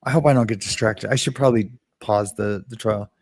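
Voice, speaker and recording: A man's voice: fairly low pitch, a little fast, gravelly, no echo. A man hosting a casual livestream, rambling and restarting, greeting viewers from the chat. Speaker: livestream host.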